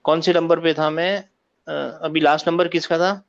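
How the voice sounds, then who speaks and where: Male online teacher, slightly high, keeps asking the class for confirmation, lo-fi call sound. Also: little pitch movement, moderate pace, vocal fry. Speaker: Arabic teacher. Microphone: video call. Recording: muffled lo-fi call audio.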